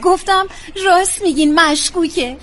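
A high-voiced teasing woman. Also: a bit bright, slight background noise. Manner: teasing, scolding, playful. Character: teasing, kindly woman coaxing a sulky girl.

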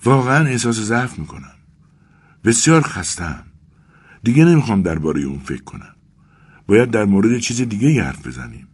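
A man's voice: low voice, very animated, long pauses, breathy edge, pitched above the performer's own voice, full character voice. A man voicing an anxious, tearful young clerk who pleads breathlessly in a raised voice. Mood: exhausted.

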